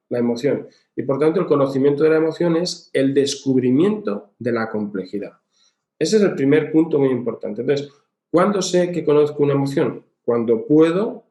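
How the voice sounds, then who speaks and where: A man's voice: mid-range voice, warm tone. A man giving a recorded lecture on emotional education, explaining patiently with examples and rhetorical questions. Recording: echoey room.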